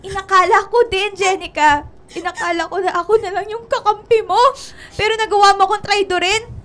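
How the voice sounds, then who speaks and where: A woman's voice: extremely high pitch, fairly even intonation, a little fast, fairly bright tone. An actress playing a wronged, indignant young woman in a radio drama, tearful and accusatory, with a Filipino accent. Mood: hurt, accusing.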